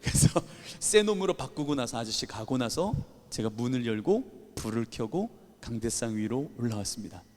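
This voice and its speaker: A male pastor preaching a sermon, telling a personal story with lively, animated delivery and acting out his own frustration and tears. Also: mid-range voice, normal speed, hardly any pauses. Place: church sanctuary. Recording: church hall with long reverb.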